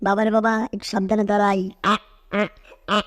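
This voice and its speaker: A woman's voice: medium pitch, flat delivery, normal speed, no echo, clean studio sound, lightly acted. A woman voicing Jerry, a cheeky, scheming cartoon mouse who taunts and teases. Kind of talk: cartoon dub acting.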